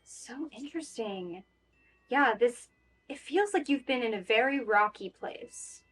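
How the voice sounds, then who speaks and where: A woman's voice: fairly high pitch, expressive, a little slow, fairly bright tone. A woman giving a casual, reassuring tarot reading in a chatty way, with frequent fillers. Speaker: tarot reader.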